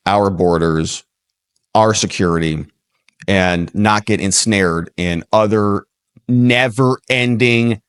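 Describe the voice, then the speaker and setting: An American political commentator hosts a livestream, offering opinionated news commentary over played clips and leaning on rhetorical questions. His fairly low voice is captured in studio quality with no echo.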